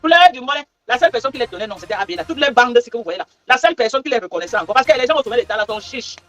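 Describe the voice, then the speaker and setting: Brief: high-pitched woman, breakneck scolding rant, mocking taunts. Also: lively intonation, very fast, a bit bright, soft background music. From Cameroon. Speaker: social media livestreamer. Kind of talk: angry live rant.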